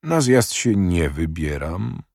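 A man reading the part of an old, calm and evasive voivode who speaks slowly and dismissively. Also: fairly low pitch, no echo, clean studio sound, heavily acted. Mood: coolly evasive. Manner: slow, cool and dismissive.

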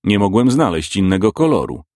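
A man reading a world-weary male private detective in an audiobook, dry and deadpan. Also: lowish voice, fairly quick, no echo. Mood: sardonic.

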